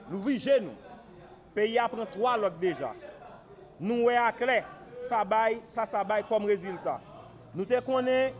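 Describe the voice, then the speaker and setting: A man with a Haitian accent giving impassioned political commentary, emphatic and repetitive. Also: very high voice.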